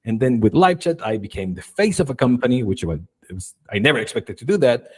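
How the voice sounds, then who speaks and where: A man's voice: medium pitch, animated, fast talker, slightly rough. A man in his forties from Chile, a guest on an interview podcast, telling his career story with enthusiasm and many fillers. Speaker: guest, marketing and video expert. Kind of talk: casual interview chat.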